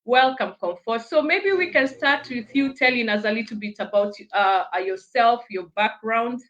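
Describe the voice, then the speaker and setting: A woman's voice: a little high, normal speed, fairly bright tone, muffled recording. A woman hosting a live online interview, reading an introduction with many fillers and restarts. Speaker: host.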